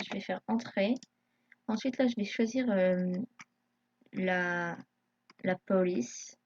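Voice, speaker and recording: A woman narrates a live screen tutorial in a mellow, slightly husky voice. She hesitates often, filling pauses as a nervous beginner would. The recording sounds dull and lo-fi. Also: mid-range voice, no room sound. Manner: hesitant, many fillers, self-conscious beginner. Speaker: YouTube tutorial maker.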